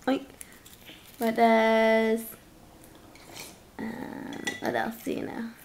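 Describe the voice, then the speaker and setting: A woman's voice: a little high, completely flat delivery, extremely slow, a little mellow, slight background noise. A woman at home at mealtime, patiently quizzing her toddler in a sing-song voice and repeating questions, recorded on a home video camera.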